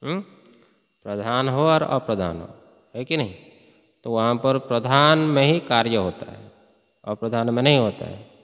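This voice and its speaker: A man's voice: mid-range voice, expressive, measured pace, long pauses, a bit bright, big-room sound. A man teaching Sanskrit grammar to a class, chanting verses and quizzing students with frequent questions. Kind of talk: classroom lecture.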